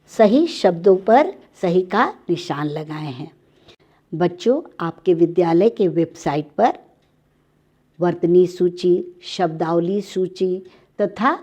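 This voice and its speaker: Slow, careful woman teaching young children. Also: fairly low pitch, muffled recording. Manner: slow and deliberate, spelling words out letter by letter; gently addresses the children, with simple questions and explanations. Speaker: primary school teacher. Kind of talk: recorded spelling lesson for young children.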